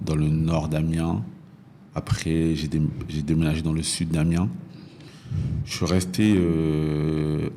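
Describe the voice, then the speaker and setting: A rumbling low, dark-toned male voice comes through with slight background noise. The speaker, a man in his thirties from northern France, is being interviewed on a podcast and narrates his own story, hesitating and repeating phrases along the way.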